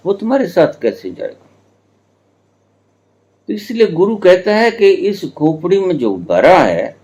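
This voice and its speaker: A man in his seventies giving a spiritual discourse, telling stories slowly with drawn-out words and playful teasing. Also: mid-range voice, a little mellow. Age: 70s. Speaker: spiritual teacher.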